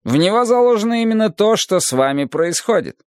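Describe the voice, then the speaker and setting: Brief: man doing a calm, sorrowful philosopher-teacher for an audiobook, slow and measured, lively pitch, dry read. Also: clear, resonant tone, no echo. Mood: musing. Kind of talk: audiobook character reading.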